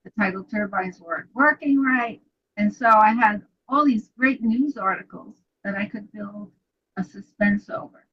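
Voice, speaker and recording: This author guest, an older Brooklyn-accented New Yorker, speaks at a moderate pace in a mid-range voice with a breathy edge. She chats casually about her books from her home study with bookshelves, telling stories and laughing often. A video call webcam gives the audio a dull, lo-fi quality.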